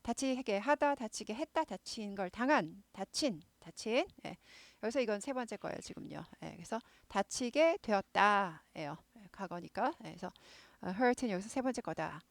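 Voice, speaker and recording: A woman teaching English to Korean learners, explaining a news story line by line. She repeats key words often and says English phrases slowly and carefully. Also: mid-range voice, animated, gravelly, no room sound.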